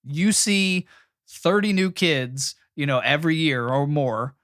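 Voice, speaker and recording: A man's voice: a little high, unhurried, a bit bright, no room sound, clean studio sound. A young adult man co-hosting a casual podcast chat, talking loosely with many "you know" fillers. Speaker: podcast co-host.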